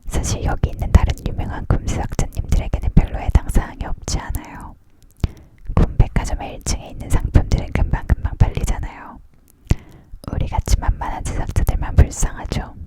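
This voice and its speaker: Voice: brisk, lightly acted. Whispered role-play, reader doing pouty lil fairy grumbling, storybook, all whisper. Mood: sulky. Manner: grumbling, sulky. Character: sulky little fairy in pink blouse, self-pitying.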